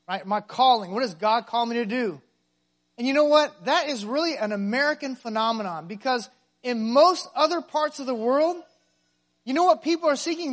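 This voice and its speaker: A man with a high voice preaching from the pulpit. He speaks with emphasis and keeps asking his congregation rhetorical questions. He comes across as a middle-aged pastor in the middle of a sermon. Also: a bit bright.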